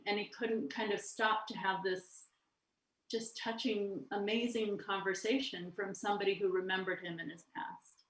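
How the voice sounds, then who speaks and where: A woman filmmaker talking casually in a festival question-and-answer session, restarting sentences and laughing often. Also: medium pitch. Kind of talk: festival Q&A conversation. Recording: roomy echo.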